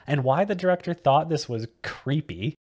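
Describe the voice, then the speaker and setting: A man in relaxed podcast banter, summing up a film scene by scene. He keeps breaking into giggles in the middle of his sentences. He sounds loose and amused throughout. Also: a little high, normal speed. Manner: giggly, laughs often mid-sentence. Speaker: podcast co-host. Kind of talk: casual movie-review chat.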